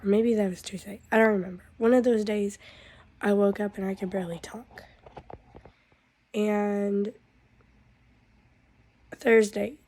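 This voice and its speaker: A woman vlogger whose voice is hoarse and rough from a cold, and she sounds stuffed up and drowsy. She talks slowly in a flat, mellow tone. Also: medium pitch. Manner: drawn-out, weary talk with a cough. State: hoarse from losing her voice. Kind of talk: casual vlog update.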